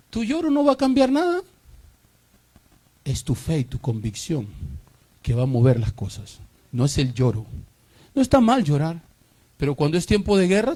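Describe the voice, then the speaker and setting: A man's voice: on the high side, darkish tone. A male pastor preaching a sermon with call-and-response and rhetorical questions.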